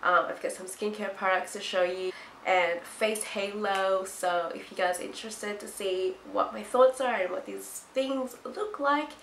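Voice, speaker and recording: A woman's voice: mid-range voice, fairly bright tone. A young woman with a blocked-up nasal voice from a cold, chatting casually to camera as a fashion vlogger. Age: young adult. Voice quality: nasal, congested. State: sick with blocked nose and itchy throat. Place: small hard-walled room indoors. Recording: roomy echo, faint background noise.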